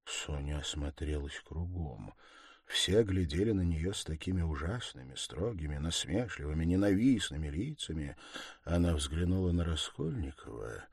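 A man reading a classic novel aloud in a measured, expressive narration. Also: a bass voice, gravelly, slightly rough, no echo, studio quality. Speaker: audiobook reader.

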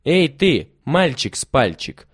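A man voicing a spiteful, bullying boy in a storybook reading, with loud, mocking taunts. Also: mid-range voice, very animated, normal speed, no room sound, studio quality, natural voice. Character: spiteful, bullying older brother.

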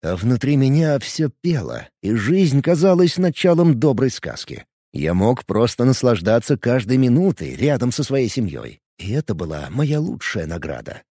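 A man reading a first-person audiobook in a playful, expressive way. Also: medium pitch, normal speed, breathy edge, no echo, studio quality. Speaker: audiobook narrator.

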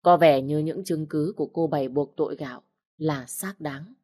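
A woman narrating an audiobook story in a steady storytelling manner. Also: sits low, moderate pace, dry recording, studio quality. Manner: steady storytelling, voicing every character.

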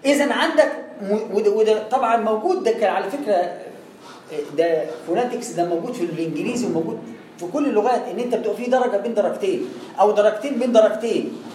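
A man's voice: high voice, racing, a little mellow. A man with an Egyptian accent teaching recitation rules, patiently asking questions and answering them himself, drawing out sounds to demonstrate. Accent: Egyptian Arabic. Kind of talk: explaining tajweed rules. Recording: echoey room, distant mic, faint noise.

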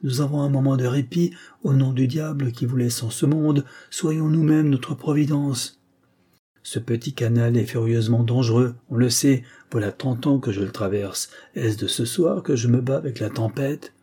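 A man voicing a gruff, weathered boat captain who barks orders at his crew. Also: mid-range voice, fairly even intonation, moderate pace, mellow, close to an everyday voice. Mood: defiant. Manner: brusque, barking orders.

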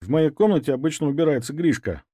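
A man's voice: on the high side, lively intonation, fast, mellow, dry recording, studio quality, pitched above the performer's own voice. A man voicing a hot-tempered young nobleman who speaks sternly and threateningly. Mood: stern angry.

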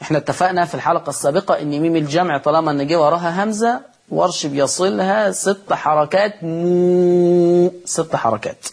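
A man with an Egyptian accent teaching Quran recitation rules. He asks the class questions and answers them himself, and he says each word slowly as a model. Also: a little high, gravelly, husky. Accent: Egyptian Arabic.

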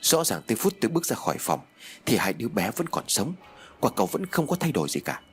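A man voicing a ruthless male sorcerer who speaks low and grave, with muttering menace. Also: wildly swooping pitch, fast, husky, soft background music, exaggerated voice. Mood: grim.

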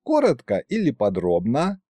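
Man voicing an eager excitable young man. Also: medium pitch, normal speed, no room sound. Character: eager young man, tsar's adopted son and clerk.

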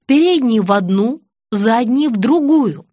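A woman's voice: a little high, animated, measured pace, warm tone, dry recording, clean studio sound. A woman reading an audiobook, voicing a wry man asking pointed questions. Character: dry wry man, Kostya.

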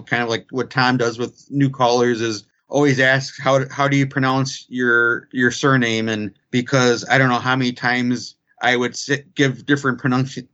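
Bright-voiced male caller on a dull line. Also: medium pitch, smooth. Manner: halting, with many restarts and fillers. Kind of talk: casual call-in chat. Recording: dull lo-fi call audio.

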